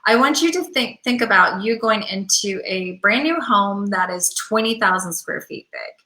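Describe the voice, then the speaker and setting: A woman with a bright, forward voice talks casually to her viewers as a pet healer. She rambles through stories and drops into quoted asides. The sound bounces around an echoey room. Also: medium pitch, lively intonation, normal speed. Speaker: pet healer and show host.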